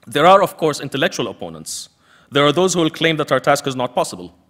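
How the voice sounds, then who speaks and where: A man's voice: a little high, big pitch swings, fast talker, fairly bright tone. Man giving an emphatic lecture. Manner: emphatic, rhetorical repetition. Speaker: panel speaker, activist. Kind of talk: prepared lecture speech.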